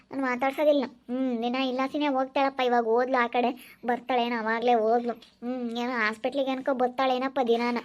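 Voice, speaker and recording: A woman playing a brisk, gossipy food-stall keeper in an amateur village skit. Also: high voice, natural voice. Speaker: egg-rice stall owner.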